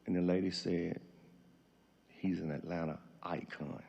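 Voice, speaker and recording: A middle-aged man with a husky, gravelly voice giving an emotional, tearful farewell speech as a grieving father, halting as he goes. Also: sits low, little pitch movement, lo-fi sound.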